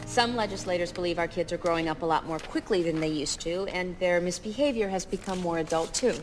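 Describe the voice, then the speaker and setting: A woman's voice: fairly low pitch, brisk, over music, lightly acted. An actress playing a composed woman lecturing a class in a formal, explanatory way. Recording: long hall reverb.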